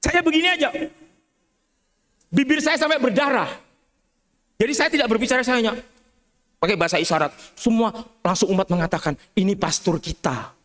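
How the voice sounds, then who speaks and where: High-voiced priest telling stories in a sermon. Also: male voice, a little fast, pauses often. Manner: lively storytelling with humorous asides, often calling out to the congregation. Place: cathedral church.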